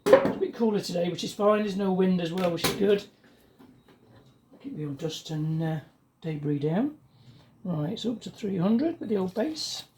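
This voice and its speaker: A woman's voice: fairly low pitch, moderate pace, a little hiss or hum. A woman talking casually to camera while spray-painting a car part in her home garage, her voice muffled by a paint mask. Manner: relaxed, chatty running commentary. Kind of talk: casual talk while working.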